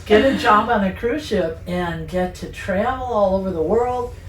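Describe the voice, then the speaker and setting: A woman's voice: medium pitch, normal speed. A woman interviewing casually in a friendly, encouraging manner. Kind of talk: casual chat. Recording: roomy, distant mic, faint background noise.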